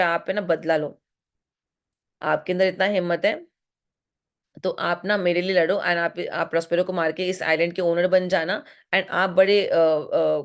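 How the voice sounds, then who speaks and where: An Indian woman teaching literature, mixing Hindi and English as she goes through a play line by line and slowing to read the quoted lines aloud. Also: on the low side. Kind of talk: line-by-line text explanation.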